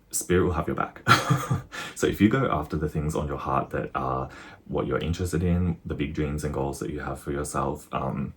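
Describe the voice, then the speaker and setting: A man with an extremely low, deep voice reads tarot cards straight to the listener. He talks in a rambling, earnest way, full of "like"s and "um"s, and sometimes breaks into laughter. A faint hiss and small clicks sit under the voice. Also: fairly bright tone. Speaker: tarot reader. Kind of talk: intuitive tarot reading to the viewer.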